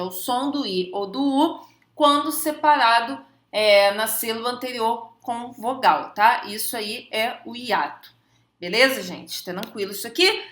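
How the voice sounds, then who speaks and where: Bright, chatty Brazilian woman teacher. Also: on the high side, reverberant. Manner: chatty, jokey, keeps checking in with the class. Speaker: Portuguese teacher. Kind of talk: online exam-prep lesson.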